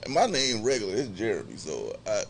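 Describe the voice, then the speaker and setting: Young man, podcast host, lowish voice, swooping lively pitch, faint background noise. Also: a little fast, vocal fry. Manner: joking, blunt, laughs often. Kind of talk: casual chat.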